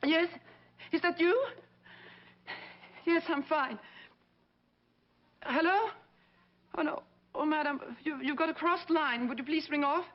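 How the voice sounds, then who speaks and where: A woman's voice: sits high, slow pace, long pauses. An actress playing an anxious woman on a crossed phone line, pleading and struggling to hear. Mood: flustered. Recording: lo-fi film soundtrack audio.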